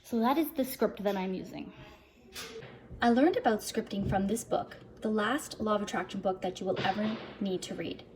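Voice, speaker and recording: There's background noise as a woman with a medium-pitched voice speaks at a moderate pace. She's a chatty, earnest self-help vlogger addressing her viewers, and this upbeat personal vlog is partly read from her script.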